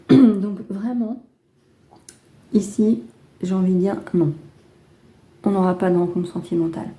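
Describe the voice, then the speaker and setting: A French woman giving a casual tarot reading, chatty and gentle, with many fillers and restarts. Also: mid-range voice, measured pace, long pauses. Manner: gentle, reassuring advice. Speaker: tarot card reader.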